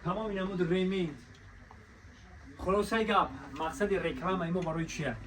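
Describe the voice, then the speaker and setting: With a high voice and fairly even intonation, a Tajik-accented shop promoter delivers spontaneous, repetitive sales patter while walking through a large clothing shop, calling on shoppers like a bazaar merchant to come, look and buy. The audio is poor, with busy crowd noise around him.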